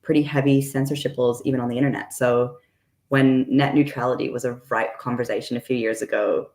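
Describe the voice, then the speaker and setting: Gravelly young woman host, roomy sound. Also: very deep voice, fairly even intonation, a little fast, a little mellow. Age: young adult. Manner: friendly, affirming, lots of "mm-hmm". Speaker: interview host. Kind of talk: conversational panel interview.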